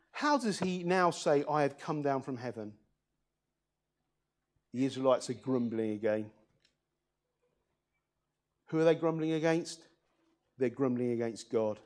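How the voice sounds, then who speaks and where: A man's voice: medium pitch, darkish tone. A man preaching a church sermon, reading scripture aloud and putting earnest questions to the congregation.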